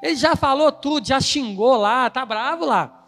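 A man's voice: very high-pitched, normal speed, creaky, a bit bright, long reverb tail, heavily acted. A man voicing a self-righteous female elevator attendant who speaks curtly and dismissively. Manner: curt and dismissive.

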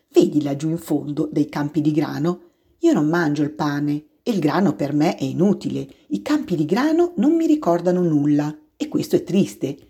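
A woman voicing a wise, patient fox in a storybook reading, calm and tender. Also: low-pitched, slightly rough, full character voice.

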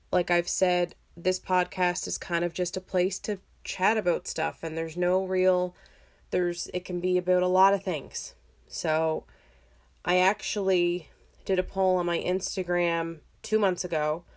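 A woman in her thirties with a slightly low voice talks casually as a solo podcast host. She is reflective and informal, often correcting herself as she goes. It is a home recording made in a bathroom. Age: 30s. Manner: informal, hesitant phrasing with frequent "like" and self-corrections.

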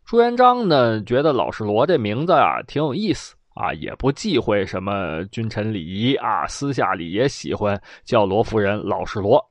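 Lively storyteller. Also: male voice, lowish voice, normal speed, hardly any pauses, no room sound. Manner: lively, colloquial, sound effects. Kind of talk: traditional oral storytelling.

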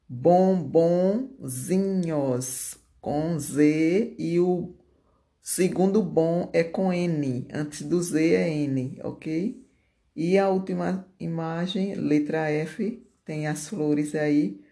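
A teacher correcting homework exercises aloud, reading answers slowly and deliberately and stretching out key words. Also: medium pitch, gravelly, mellow.

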